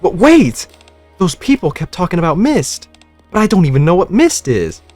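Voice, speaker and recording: A man's voice: medium pitch, big pitch swings, normal speed, soft background music, close to an everyday voice. A man voicing a flustered young woman who speaks nervously and pleads her innocence, in a game story reading. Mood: defensive.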